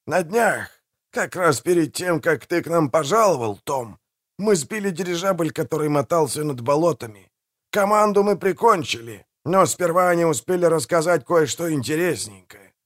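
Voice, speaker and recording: A man's voice: a little high, animated, normal speed, pitched above the performer's own voice. A man voicing a greedy, gloating male pirate mayor who barks orders, in a storybook reading. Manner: loud, barking orders.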